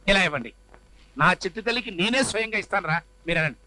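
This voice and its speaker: A man's voice: sits high, lively intonation, racing, pushed and bright, exaggerated voice, low-quality recording. An actor playing a fussy, theatrical rich father who dotes on his daughter. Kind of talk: Telugu film comedy acting.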